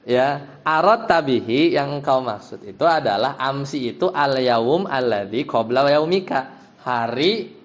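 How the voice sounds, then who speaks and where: A man's voice: mid-range voice, expressive, measured pace. A man, an Islamic teacher, explaining Arabic grammar to a class, patiently checking that his students follow. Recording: dull lo-fi sound.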